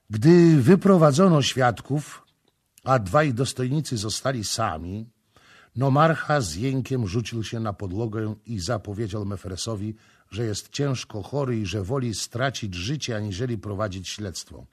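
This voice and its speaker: A man narrating an audiobook in a measured, dramatic reading. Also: on the low side, breathy edge.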